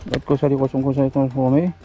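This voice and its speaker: A man's voice: medium pitch, level tone, muffled recording, soft background music. Middle-aged Réunion man narrating foraging. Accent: Réunionese French. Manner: plain, halting, explaining as he works. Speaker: outdoor video host. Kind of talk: casual narration while foraging and cooking. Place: forest outdoors, then home kitchen.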